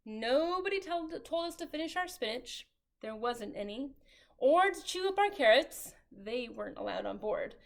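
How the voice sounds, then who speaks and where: A woman leading a children's storytime, reading a picture book aloud in a cheerful, animated way. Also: high-pitched, normal speed, vocal fry. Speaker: children's librarian.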